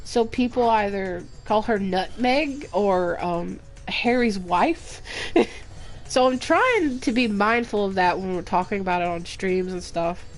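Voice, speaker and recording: A woman game streamer chatting casually and gossiping while she plays. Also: medium pitch. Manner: chatty, gossipy, slow-spoken. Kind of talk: casual chat while playing. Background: faint game music.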